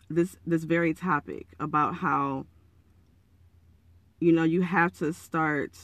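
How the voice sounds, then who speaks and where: A man hosts a casual motivational podcast in a fairly high but gravelly, raspy voice, hoarse as if just up in the morning. He talks earnestly and encouragingly in a conversational way. The recording is dry and close, with little room sound. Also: dry recording, muffled recording. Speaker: podcast host.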